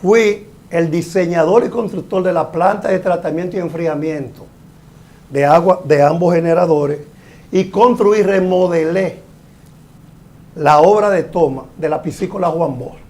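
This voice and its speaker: An older man with a notably high speaking voice talks through a technical subject on a panel show. He explains at length in a measured way and leans into his points now and then. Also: darkish tone. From Dominican Republic. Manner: explanatory, measured, occasionally emphatic. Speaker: guest engineer. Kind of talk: panel talk show discussion.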